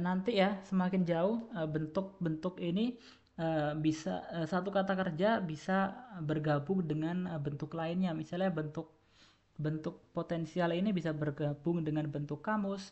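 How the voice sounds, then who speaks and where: A man's voice: a little high, a little mellow. A man teaching a Japanese grammar lesson, speaking Indonesian as his first language, patiently repeating each word with many filler sounds. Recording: dull lo-fi recording.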